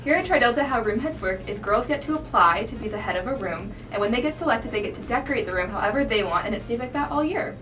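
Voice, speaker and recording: A woman's voice: a little high, animated, fast talker, few pauses, distant mic, over music, rough recording. A young woman cheerfully showing her decorated bedroom to camera. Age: young adult. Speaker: student showing her room. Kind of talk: casual talk to camera.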